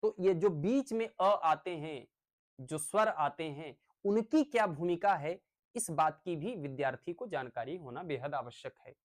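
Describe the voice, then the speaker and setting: A man's voice: fairly high pitch, animated, unhurried. A male teacher giving a lecture on phonics, explaining step by step with everyday examples.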